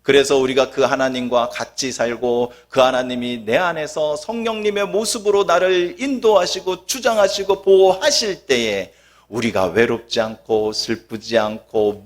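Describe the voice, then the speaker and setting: A pastor delivers a sermon in a somewhat high male voice. He is dramatic, pushing phrases out loudly and then dropping to a near-whisper. He keeps asking the congregation questions. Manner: dramatic, swings from loud emphasis to hushed near-whisper.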